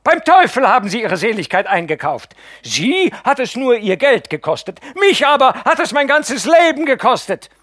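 A man's voice: very high-pitched, sing-song, slow pace, few pauses, a bit bright, no echo, clean studio sound, voice pushed up, exaggerated voice. A man reading an audiobook, voicing a bitter, hysterical young woman who hurls frantic accusations.

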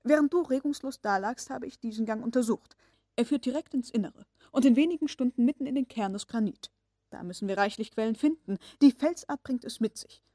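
A woman's voice: a little high, fairly quick, mellow, dry recording, close to an everyday voice. Female reader voicing a hard-willed older professor, insistent, dry booth sound. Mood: persuasive. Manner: urgent, insistent, rising to a hard tone. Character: stern, stubborn old male professor.

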